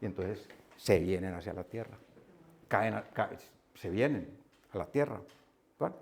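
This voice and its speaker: A man's voice: low voice, expressive, measured pace, gravelly, darkish tone. A man retelling a novel at a book club, telling it as a story, laughing often and repeating himself. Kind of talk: casual book discussion. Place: coworking room with a small group.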